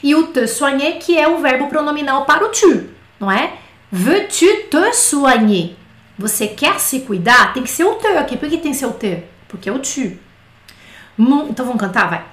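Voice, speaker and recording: With lively intonation and a high, bright voice, a woman gives an online French lesson, explaining things in a chatty way. She sings children's songs slowly, line by line, and the room echoes noticeably.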